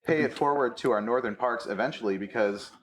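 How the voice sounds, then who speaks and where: A man's voice: mid-range voice, brisk. A man speaking on a discussion panel, hesitant and full of fillers as he gathers his thoughts.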